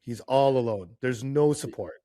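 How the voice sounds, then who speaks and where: A man co-hosting a hockey podcast, animated and chatty, often restarting phrases as he tells a story. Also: mid-range voice, moderate pace, no echo, clean studio sound. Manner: animated storyteller, laughs, stammers. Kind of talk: casual chat, storytelling.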